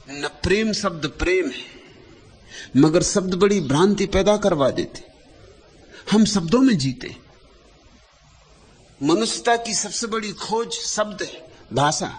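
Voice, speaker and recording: Spiritual teacher, male, unhurried and lyrical, pitch that rises and falls widely, short phrases with long pauses between them. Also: slightly rough. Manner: lyrical, repeating phrases for emphasis. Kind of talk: spiritual discourse.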